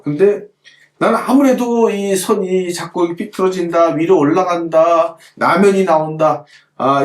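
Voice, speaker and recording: A man's voice: a little high, roomy sound. A middle-aged man teaching a calligraphy class as he demonstrates, repeating points and asking the students rhetorical questions. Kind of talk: hands-on lesson while demonstrating.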